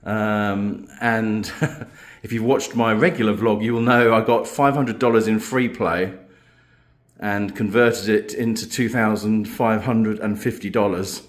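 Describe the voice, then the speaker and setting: Guy doing a casual room tour vlog, slow talker, lowish voice, impressed and a bit amused. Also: fairly even intonation. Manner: appreciative, amused, chuckling understatement. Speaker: vlogger.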